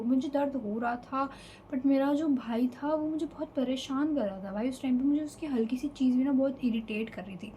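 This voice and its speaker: A woman's voice: on the high side, warm tone, slight background noise, low-quality recording. A young woman from Delhi telling an emotional storytime vlog in a casual chatty way, slipping in English fillers. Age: young adult. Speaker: vlogger.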